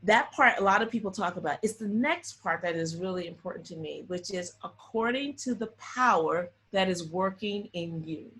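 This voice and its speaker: A woman guest in a casual interview, telling stories in an animated way and often checking in with "right?". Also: on the low side, normal speed, hardly any pauses.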